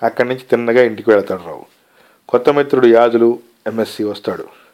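Male story reader, mid-pitched, calm and measured read-aloud narration.

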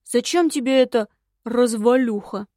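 Brief: a woman reading a sly, whiny young husband, drawn-out sulky delivery, dry close sound. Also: a little high, mellow, no room sound, natural voice. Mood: sulky, snide. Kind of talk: audiobook dialogue.

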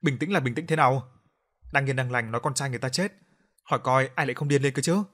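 Audio story figure: quick-tempered middle-aged dad, read by a man. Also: medium pitch, fairly bright tone, lightly acted. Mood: angry.

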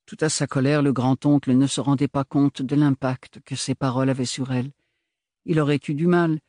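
A man narrating a novel as an audiobook reader, in measured, steady storytelling. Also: mid-range voice, no echo. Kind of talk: scripted narration.

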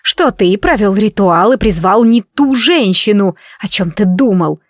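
A woman voicing a haughty older noblewoman, mother of an emperor, who hisses venomous, shrill reproaches in an audiobook. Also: normal speed, dry recording, clean studio sound, natural voice. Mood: furious.

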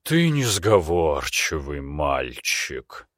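A man voicing a cunning, imperious male demon with a slow, drawn-out, purring delivery. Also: deep voice, very animated, a bit bright, no echo, clean studio sound, exaggerated voice. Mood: sly.

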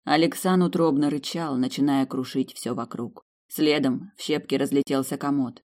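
A woman narrating a fantasy novel in the first person, lively and rising sharply in the dialogue. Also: very deep voice, normal speed. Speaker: audiobook narrator.

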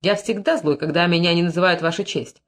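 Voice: medium pitch, fairly even intonation, fairly quick, a bit bright, close to an everyday voice. A reader doing a sneering, haughty usurer. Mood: scornful. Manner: mocking, haughty. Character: sneering male usurer, scornful and touchy. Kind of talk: audiobook character reading.

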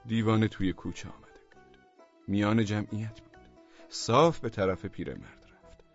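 A man narrating a comic story for an audiobook in a lively, expressive way. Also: on the low side. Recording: dull, dry, with faint music.

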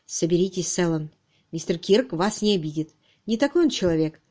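A woman reading an audiobook, voicing a calm aristocratic gentleman detective who speaks softly and mildly. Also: medium pitch, normal speed, lightly acted. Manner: soft, mild, composed.

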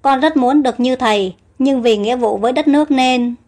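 Dutiful young prince for an audio storybook, read by a woman; polite and earnest, high. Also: fairly quick, a little mellow, faint music behind.

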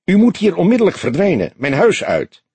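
A husky-voiced man voicing a flustered, indignant woman caught off guard in her home at night, in an audiobook. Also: on the low side, huge pitch swings, normal speed, darkish tone, full character voice. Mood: alarmed.

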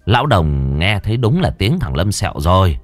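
A man's voice: deep voice, sing-song, moderate pace, dry recording, soft background music. A man narrating a comic folk tale in a playful, exclamatory way. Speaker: storyteller.

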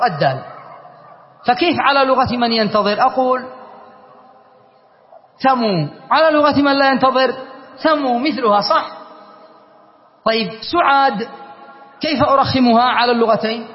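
A man with a very high voice gives a grammar lesson, quizzing students as he spells out word forms. His voice rings in a long hall reverb, and the recording is dull and muffled. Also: animated, moderate pace, long pauses. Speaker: teacher of Arabic grammar.

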